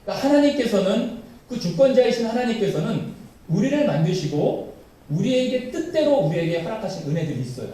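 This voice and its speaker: A man's voice: high-pitched, very animated, brisk, dark tone. A male pastor preaching a sermon, animatedly addressing his congregation. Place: church sanctuary. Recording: very echoey church hall, voice from far off.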